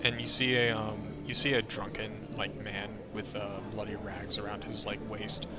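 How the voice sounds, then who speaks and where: A man's voice: lowish voice, little pitch movement, moderate pace. Young man running a tabletop game. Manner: hesitant, lots of fillers. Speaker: game master. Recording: music playing in the background.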